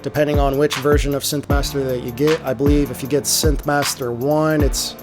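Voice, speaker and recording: A man hosting a casual livestream, answering viewer questions about music software in a relaxed way, trailing off with fillers. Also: medium pitch, normal speed. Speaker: music producer streamer.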